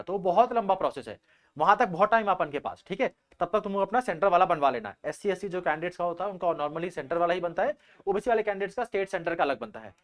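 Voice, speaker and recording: A young man coaching students for an entrance exam, talking very fast in a casual, explanatory way. His voice sits fairly high for a man, and he keeps repeating points and calling his listeners bhaiya.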